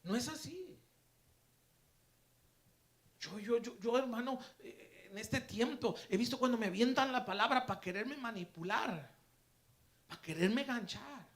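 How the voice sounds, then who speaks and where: A man preaching a sermon as pastor, telling stories and moving from hushed asides to loud, excited preaching in a church. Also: very high voice, unhurried, long pauses. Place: church sanctuary.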